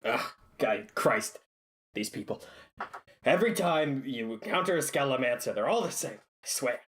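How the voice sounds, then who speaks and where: A man's voice: mid-range voice, lively intonation, normal speed, a bit bright, natural voice. Jaded male skeleton mage, grumbly and exasperated, a man voicing him, tabletop game.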